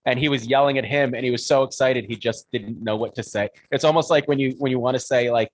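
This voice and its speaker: A man's voice: medium pitch, steady tone, fast talker, no room sound, low-quality recording. A man who does stand-up, co-hosting a casual comedy podcast, telling rambling anecdotes and laughing often. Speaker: podcast co-host, stand-up comic.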